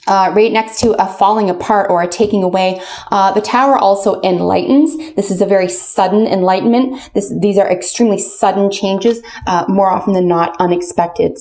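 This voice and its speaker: A woman's voice: mid-range voice, darkish tone. A woman fortune teller doing a casual spoken tarot and oracle card reading, addressing the listener directly. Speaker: tarot reader.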